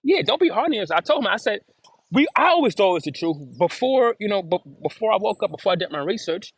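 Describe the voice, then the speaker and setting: A man's voice: high voice, very animated, fast, slightly rough, no room sound. A man talking as an interview guest in casual chat, earnest and given to repeating and restarting his phrases. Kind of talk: casual video-call chat.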